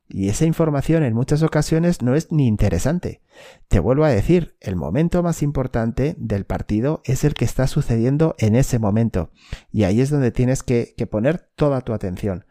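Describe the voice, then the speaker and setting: A man's voice: medium pitch, mellow. A man, a mental coach for athletes, giving a direct instructional talk to the listener and checking in with "okay?". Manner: direct, addresses listener, tags points with "okay?".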